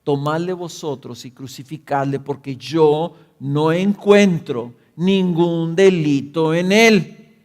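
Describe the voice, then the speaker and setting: A man's voice: a little high, slow pace, a little mellow, in a large hall. A man reading as a pressing Roman governor. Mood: questioning. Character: Roman governor questioning a prisoner, adult man.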